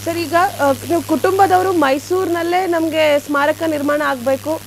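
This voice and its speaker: Woman anchor, high bright voice, rapid pointed questions, faint hiss behind. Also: steady tone. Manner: quick probing questions, many soft hums. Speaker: news anchor. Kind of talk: TV news interview.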